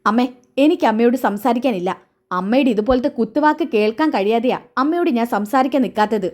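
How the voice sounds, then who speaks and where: A woman's voice: on the high side, fairly quick, darkish tone, natural voice. A woman reading the lines of a weary young male college student arguing with his mother.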